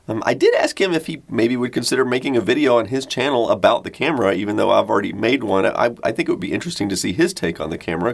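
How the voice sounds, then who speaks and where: A man in his forties hosts a retro technology video channel, explaining things conversationally. His voice is lowish, creaky and husky.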